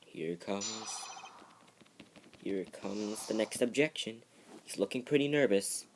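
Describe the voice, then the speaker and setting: A man's voice: on the low side, slow pace, background noise. A man giving casual, joking commentary while he plays through a video game. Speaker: let's play commentator.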